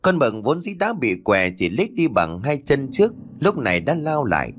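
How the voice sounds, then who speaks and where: A man narrating an audiobook story in a dramatic, expressive way. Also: medium pitch, moderate pace, slight background noise. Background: faint background music.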